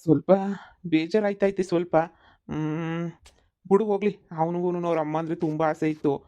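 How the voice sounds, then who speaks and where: A woman doing a low, dark-voiced village husband. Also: fairly even intonation, moderate pace, dull audio, lightly acted. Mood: subdued. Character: middle-aged village husband and father, calm and resigned.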